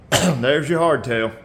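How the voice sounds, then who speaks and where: A man hosting a casual motorcycle how-to video in his garage, relaxed and rambling, often clearing his throat and coughing. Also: mid-range voice, extremely slow. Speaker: motorcycle builder and channel host.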